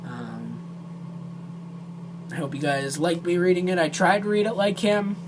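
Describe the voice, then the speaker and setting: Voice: mid-range voice, steady tone, a little slow. Earnest vlogger, noticeably noisy recording. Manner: earnest, emotional, hesitant. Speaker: amateur video creator. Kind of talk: earnest direct-to-viewer vlog talk.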